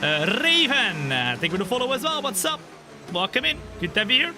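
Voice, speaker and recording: Very animated and fairly quick, a twenty-five-year-old man with an extremely high voice streams a racing game live. He chats with his viewers and calls the race with self-mocking jokes, all over the game's background racing car engine noise.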